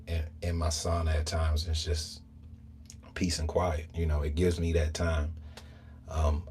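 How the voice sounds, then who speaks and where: An American man from Southern Maryland chatting casually on a live stream from inside a small home sauna, halting and rambling in an unhurried way. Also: low-pitched, a little mellow, slightly rough. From Southern Maryland, USA.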